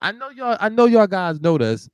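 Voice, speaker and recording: A man hosting a live talk show, ranting in an animated way with laughs and restarts. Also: sits high, moderate pace, smooth, no echo, poor audio. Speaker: show host.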